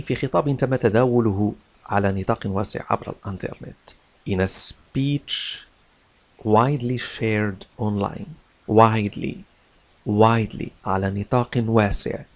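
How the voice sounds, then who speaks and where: A man teaching vocabulary from a news article, reading words slowly, repeating them and explaining them quickly in between. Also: mid-range voice, gravelly. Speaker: English teacher.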